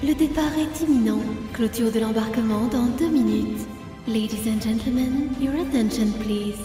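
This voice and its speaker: Woman's echoing loudspeaker boarding announcement. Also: on the high side, recorded from a distance. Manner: measured, formal announcing cadence. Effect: public address loudspeaker. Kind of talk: formal public address announcement. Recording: echoey loudspeaker in a large hall, heard from afar, music behind.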